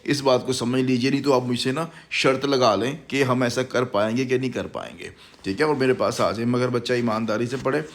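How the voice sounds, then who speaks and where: At a language institute, a man with a Pakistani Urdu accent, an English course instructor, gives a confident, salesy promotional pitch sprinkled with English words. His medium-pitched voice moves fairly quickly with a mostly even intonation.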